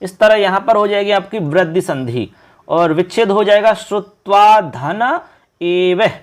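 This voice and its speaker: Brief: male tutor, high voice, friendly quizzing and patient repetition for exam students. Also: normal speed. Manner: addresses viewers as friends, quizzes them; repetitive explaining, Hindi mixed with English terms. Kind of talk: online exam-prep lesson.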